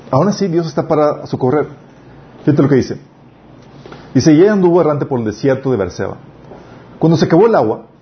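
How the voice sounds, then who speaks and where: A man preaching a sermon and reading scripture aloud, earnest, with restarted words and emphatic peaks. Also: mid-range voice. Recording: dull lo-fi recording with faint noise.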